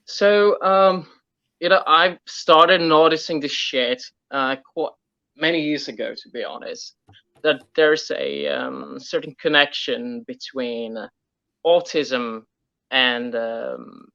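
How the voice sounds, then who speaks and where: A man hosting a casual conversation, hesitant and filling pauses with um. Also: fairly high pitch, vocal fry, bright, forceful tone, smooth, dry recording. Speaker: host. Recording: dull dry lo-fi sound.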